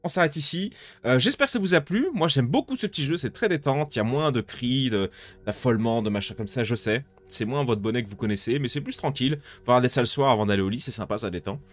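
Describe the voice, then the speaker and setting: A man giving casual let's-play commentary, excitable, swearing and pleading loudly with game characters. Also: medium pitch, quick pace. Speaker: gaming YouTuber. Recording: game music playing behind the voice.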